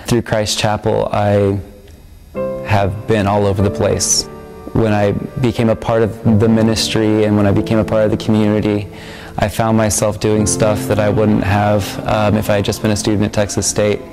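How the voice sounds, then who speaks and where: A young man talks earnestly about his campus ministry in a recorded testimonial, pausing often with ums. His voice sits on the lower side and stays quite flat. A clear music bed plays beneath him. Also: low-quality recording. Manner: earnest, reflective, with frequent ums. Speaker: student member of a campus ministry. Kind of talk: interview testimonial.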